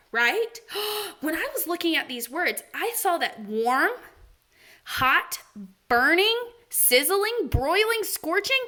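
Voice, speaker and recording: A young woman teaching second graders a word lesson, animated and sing-song, gasping with excitement as she talks to the children. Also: high voice. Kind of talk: remote read-aloud lesson for young children.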